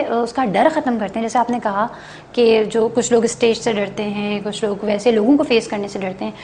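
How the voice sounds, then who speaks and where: A woman's voice: fairly high pitch, darkish tone, a little hiss or hum. A woman hosting a casual interview, humming along and finishing her guest's sentences. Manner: frequent affirming hums, finishes guest's sentences. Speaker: talk show host.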